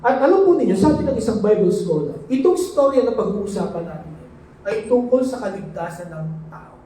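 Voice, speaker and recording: Man, preacher, sermon, high pitch, mellow tone, echoey hall, far from the mic. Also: animated, fairly quick. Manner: mixes Tagalog and English, asks "no?" often. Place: church hall.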